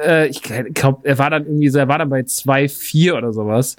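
A man's voice: mid-range voice, brisk. A young man, a podcast host, casually telling a story and acting out the people in it. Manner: animated, acts out quoted dialogue.

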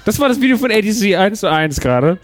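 A man's voice: high-pitched, sing-song, quick pace. A man chatting casually and jokingly while counting down old chart songs. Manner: rowdy, jokey, breaks into singing.

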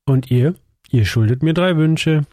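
A man's voice: a little high, measured pace, darkish tone, no room sound, natural voice. A man voicing a bearded male anti-genie in a top hat who lists his demands in a dry, matter-of-fact way. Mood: deadpan. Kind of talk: improvised tabletop role-play.

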